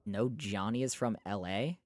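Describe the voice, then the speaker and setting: A streamer reading a novel aloud live, trading exasperated retorts with chat between passages and dropping lower and slower for the narration. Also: a little mellow, dry recording. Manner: argues back at chat in exasperated bursts.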